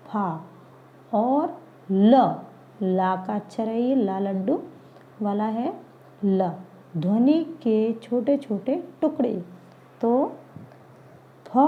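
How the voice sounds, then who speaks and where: Slow, patient woman teaching children. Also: fairly high pitch. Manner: slow, patient, drawn-out sounding of letters. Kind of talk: children's Hindi lesson. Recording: dull lo-fi recording.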